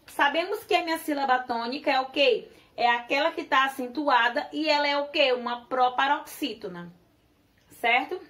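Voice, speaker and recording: A woman's voice: high voice, fairly bright tone. A woman teaching a children's class with a Brazilian Portuguese accent, asking the class questions and then answering them herself. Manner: says syllable drills slowly and deliberately. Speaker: primary school teacher.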